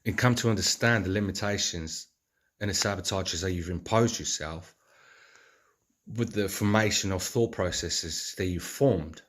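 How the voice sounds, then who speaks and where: A man's voice: sits low, normal speed, fairly bright tone. A man speaking in an earnest, rambling reflective monologue, with many fillers and restarts. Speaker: vlogger.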